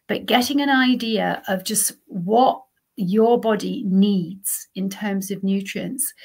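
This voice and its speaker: A lifestyle coach hosts her solo podcast in a mid-range voice with vocal fry. She explains things in a conversational, emphatic way, checking in with "okay" and "right."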